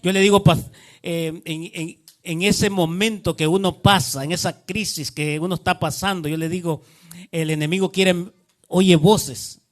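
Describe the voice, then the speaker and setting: A man's voice: high-pitched, fairly even intonation, unhurried. Earnest preacher man. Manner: earnest, repeats "le digo yo", quotes others in dialogue. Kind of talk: testimony sermon.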